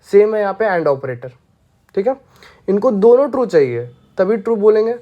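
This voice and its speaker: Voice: medium pitch, big pitch swings, moderate pace, highs cut off. A programming teacher giving a casual screencast lesson, playful and often checking that listeners follow along.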